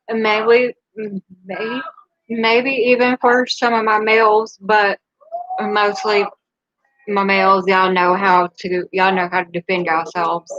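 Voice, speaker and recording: A woman's voice: mid-range voice, fairly bright tone, no echo, highs cut off. A woman hosting a casual live stream, speaking candidly and rambling a little, with a laugh between her thoughts. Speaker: livestream host.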